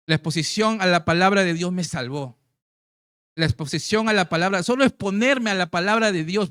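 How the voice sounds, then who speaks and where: High-voiced man preaching a testimony. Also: fairly bright tone, clear, resonant tone, no echo, clean studio sound. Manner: storytelling, acts out quoted voices. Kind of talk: sermon testimony.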